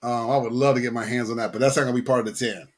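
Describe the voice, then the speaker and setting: Husky, laid-back man in casual chat. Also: mid-range voice, fairly even intonation, racing. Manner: slangy, laid-back, repeats phrases.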